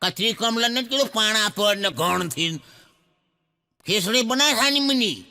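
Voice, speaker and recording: A male comedian voicing a sharp-tongued old mother-in-law who scolds and bosses people. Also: sits high, animated, measured pace, long reverb tail, exaggerated voice. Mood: scolding. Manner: scolding, bossy old village woman.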